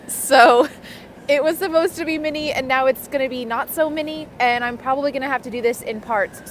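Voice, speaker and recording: With a fairly high-pitched voice, a young adult woman vlogs casually in an urban park, chatting to camera in a rambling way full of "like" and "you know." Her earphone mic serves as the microphone and picks up noise from the outdoors.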